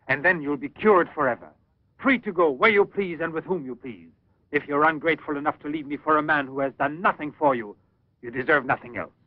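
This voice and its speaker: A cold, obsessed scientist. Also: male voice, fairly high pitch, no echo. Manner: measured, persuasive and possessive. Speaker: professor. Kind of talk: 1960s English film dub. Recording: dull, dry old film soundtrack.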